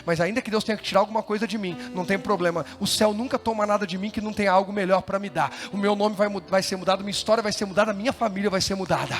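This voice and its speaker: A middle-aged Brazilian man preaching a sermon as pastor, moving between chatty asides and loud, fervent bursts. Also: high-pitched, fairly even intonation, rapid-fire, hardly any pauses, soft background music. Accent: Brazilian Portuguese. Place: church.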